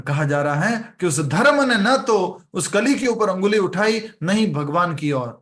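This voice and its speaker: A man's voice: sits high, a bit bright. A man teaching an online scripture class over a video call, telling a story and acting out the characters' lines.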